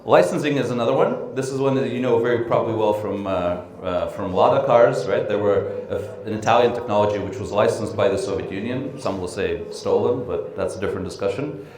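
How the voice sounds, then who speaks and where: A middle-aged man giving a training lecture, relaxed, with frequent ums and tag questions. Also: on the low side, a little fast. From born in Russia, raised in the United States and the Netherlands. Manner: relaxed, frequent ums and uhs, asks "right?" often. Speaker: training speaker. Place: conference room. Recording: echoey room.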